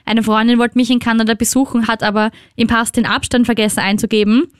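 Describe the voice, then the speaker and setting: A woman's voice: on the high side, little pitch movement, quick pace, clean tone, no echo, clean studio sound. A young Austrian woman telling a travel story in casual chat, acting out the people she quotes. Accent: Austrian German.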